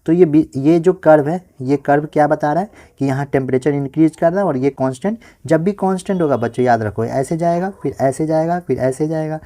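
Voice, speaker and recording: A man with an Indian accent teaching a physics lesson online, asking his students questions and answering them himself, speaking slowly on purpose. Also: fairly high pitch, mellow. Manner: says he talks slowly on purpose. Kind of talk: online class lecture.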